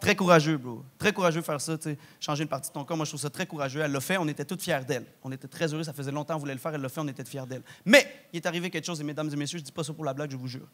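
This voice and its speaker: A young man with a broad Québécois accent works through a stand-up set, his voice sitting high for a man. He talks in a loose, slangy, animated way and drops Quebec swears throughout. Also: racing, few pauses. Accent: Québécois French. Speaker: stand-up comedian. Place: large theatre stage with live audience.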